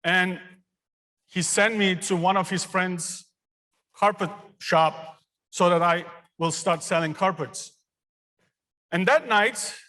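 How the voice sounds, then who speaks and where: A man's voice: high voice, sharp tone. Man from Turkey speaking in a reverberant hall. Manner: earnest, personal storytelling with pauses. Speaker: engineering professor giving a commencement speech. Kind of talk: commencement speech. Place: large theater. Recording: long reverb of a large hall.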